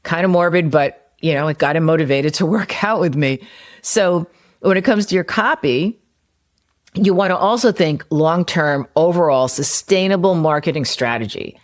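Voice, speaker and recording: A woman's voice: deep voice, moderate pace. A woman hosting a solo podcast, explaining marketing ideas in a conversational way with everyday examples. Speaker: podcast host and copywriter; former personal trainer.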